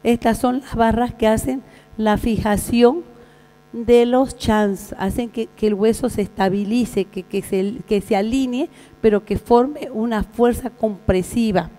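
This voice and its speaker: A Bolivian woman lecturing at a conference, her voice fairly high yet mellow and soft-edged. She speaks haltingly, stopping to restart phrases and filling gaps with small hesitations. The sound carries a long hall reverb with a low mains hum underneath. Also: steady tone, soft background music. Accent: Bolivian Spanish. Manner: halting, frequent fillers and restarts. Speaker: veterinary surgeon lecturer.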